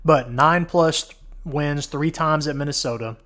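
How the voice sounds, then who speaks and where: A man's voice: on the high side, unhurried, a bit bright. A man hosting a college football countdown, talking casually and starting each point with "all right", while he is losing his voice. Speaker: host.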